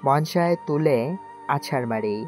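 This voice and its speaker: A woman voicing a brash young tough guy, low-voiced. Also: animated, a little slow, darkish tone, faint music behind. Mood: quarrelsome. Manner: blunt, quarrelsome.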